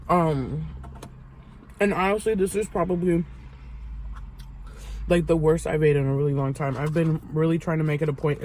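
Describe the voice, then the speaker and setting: Halting, vulnerable young woman vlogging. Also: low-pitched, dark tone, a little hiss or hum. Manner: halting, vulnerable, many fillers and restarts. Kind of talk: confessional vlog.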